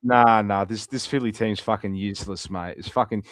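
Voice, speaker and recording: A man's voice: fairly low pitch, fairly even intonation, moderate pace. A man in his twenties co-hosting a sports podcast, blunt and opinionated, swearing freely. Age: 20s. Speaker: co-host. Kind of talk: casual sports podcast talk.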